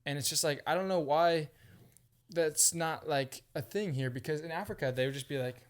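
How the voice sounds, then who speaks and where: A man's voice: a little high, normal speed. A man co-hosting a podcast in casual chat, agreeable and rambling, with lots of "like" and "I don't know". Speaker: podcast co-host.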